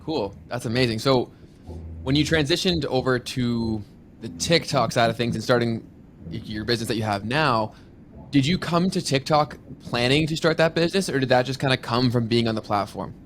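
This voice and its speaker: A man's voice: medium pitch, moderate pace, slight background noise. A man hosting an interview podcast, asking questions in a casual, upbeat and encouraging way. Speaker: podcast host.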